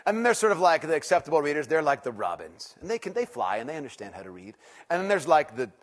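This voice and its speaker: Preaching to his congregation, a middle-aged man speaks fast in a fairly high voice. As a teaching pastor he keeps the sermon conversational and self-deprecating, veering from loud enthusiasm to quiet intensity.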